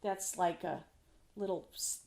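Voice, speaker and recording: A woman's voice: lowish voice, fairly even intonation, measured pace, creaky, warm tone. An older woman, a podcast guest, telling a personal story in an earnest, heartfelt way, in short phrases with retold dialogue. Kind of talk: personal storytelling in a casual interview.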